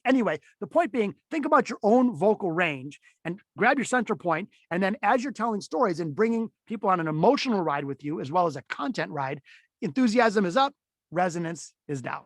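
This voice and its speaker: A middle-aged man teaching a webinar on storytelling in a conversational, animated way, with frequent fillers and restarts, and his voice swinging up and down as he demonstrates. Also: sits high, dry recording, studio quality. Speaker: keynote speaker teaching a webinar.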